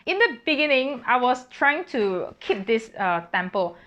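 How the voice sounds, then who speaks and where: High-voiced woman talking through her song. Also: big pitch swings, measured pace, fairly bright tone, soft background music. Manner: breaks into sung solfège and scat syllables while talking; thinking aloud with fillers and self-corrections. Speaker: singer-composer. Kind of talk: casual explanation of her own composition.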